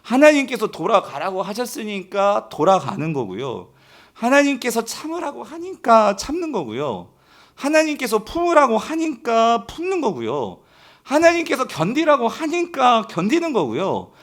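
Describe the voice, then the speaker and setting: Lively high-voiced male pastor preaching. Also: moderate pace. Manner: animated preaching with rhetorical questions to the congregation; acts out the people's complaints in quoted voices. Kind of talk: sermon.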